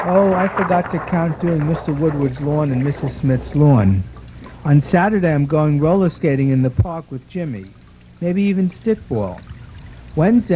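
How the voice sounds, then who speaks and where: In a scripted puppet show, a man voices an earnest, orderly twelve-year-old boy who explains things in a bossy yet affectionate way. His voice sits on the high side and is lightly acted. It's a muffled amateur recording with a watery noise in the background.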